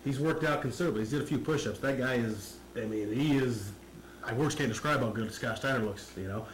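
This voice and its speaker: A man's voice: mid-range voice, a little fast. American male wrestler's promo, roomy echoing sound. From Las Vegas, United States. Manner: repetitive, filler-heavy, earnest phrasing. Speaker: professional wrestler being interviewed. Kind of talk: casual wrestling promo interview. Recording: roomy, echoing recording with faint noise.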